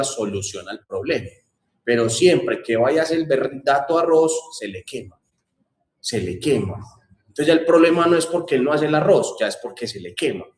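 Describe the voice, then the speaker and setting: A man's voice: a little high, darkish tone, reverberant. A man teaching a class in a conversational way, repeating points and asking rhetorical questions. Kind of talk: classroom lecture.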